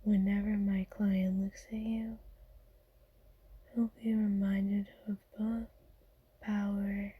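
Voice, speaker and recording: In a soft, soothing whispered ASMR roleplay, a woman plays an ancient, wealthy vampire who is a kind but possessive owner. Her voice is husky and medium-pitched, and her phrasing is formal.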